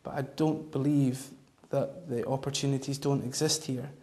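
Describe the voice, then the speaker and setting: A man gives measured interview answers. His voice is gravelly and fairly even in pitch, and he phrases things in a halting, deliberate way. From Scottish Highlands. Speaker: vox pop interviewee.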